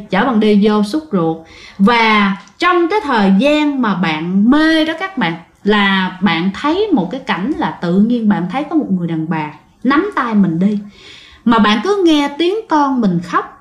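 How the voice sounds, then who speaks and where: A woman tells a ghost story to her listeners in a vivid, direct manner. Her voice sits high for a woman. The recording is roomy with a noticeable echo. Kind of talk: spoken ghost story narration.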